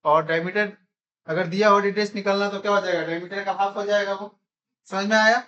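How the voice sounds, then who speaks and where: A man's voice: sits high, steady tone, a little fast, bright, forceful tone, lo-fi sound. A man teaching a classroom math lesson in speech, constantly quizzing his students with repeated questions.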